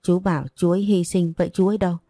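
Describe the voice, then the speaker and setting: A woman voicing a grieving seventeen-year-old who pleads and insists, in a low, dark voice. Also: level tone, racing, dry recording, natural voice. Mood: pleading. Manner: pleading, insistent, breaking into denial.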